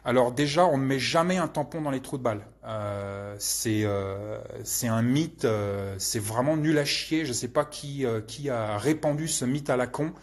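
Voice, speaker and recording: A man with a husky, slightly rough voice talks through viewer questions in a loose, off-the-cuff way. He hesitates constantly and throws in crude slang, sounding relaxed and unscripted. His pitch sits right in the middle for a man. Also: unhurried, hardly any pauses. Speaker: channel host answering viewer questions. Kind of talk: casual live Q&A chat.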